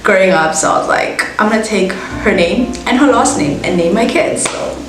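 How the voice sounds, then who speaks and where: In a very echoey room with music underneath, a bubbly South African woman in her twenties chats casually so viewers can get to know her, laughing at herself as she goes. Her medium-pitched voice is animated and moves at a normal speed.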